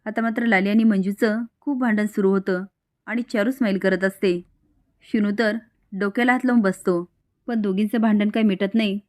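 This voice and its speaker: A woman's voice: mid-range voice, steady tone, normal speed, a little mellow. A woman retelling a TV serial episode in story form, voicing each character herself. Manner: voices every character herself in turn. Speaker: serial recap narrator.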